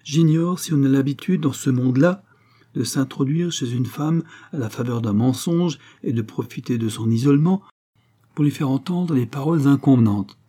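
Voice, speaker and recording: A man's voice: medium pitch, normal speed, mellow, breathy edge, natural voice. A man voicing a haughty, cutting aristocratic lady. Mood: imperious. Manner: cold, mocking, imperious.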